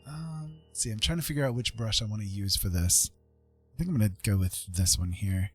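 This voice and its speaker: A man with a fairly low, slightly breathy voice talks a little fast as he paints on his livestream, relaxed and thinking out loud. Piano music accompanies him.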